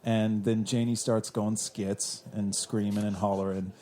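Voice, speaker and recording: A man with an Australian accent, co-hosting a casual TV recap podcast, chatty and quick to laugh while retelling scenes. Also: on the low side, little pitch movement, warm tone. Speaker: podcast co-host.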